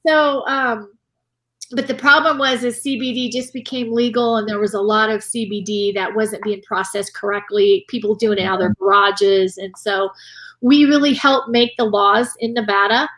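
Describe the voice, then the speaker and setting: A middle-aged woman, a guest in a casual interview, telling her business story in an animated way and often checking in with "right?". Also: a little high, normal speed. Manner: animated, tags lines with "right?" and "you know".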